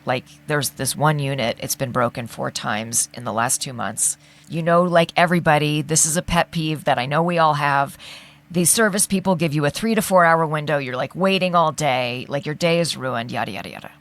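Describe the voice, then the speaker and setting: A woman in casual conversation, an animated storyteller who acts out the people she quotes. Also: low voice, brisk. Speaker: podcast co-host.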